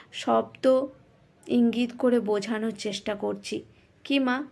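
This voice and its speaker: Woman reading a reflective first-person story. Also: a little high. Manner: reflective and self-mocking.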